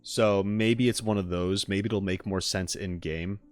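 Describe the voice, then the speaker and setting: Over faint background music, a streamer reacting alongside his live chat wanders through his opinions, hedging and tentative in this casual, rambling livestream. He speaks in a low voice with a steady tone and a measured pace.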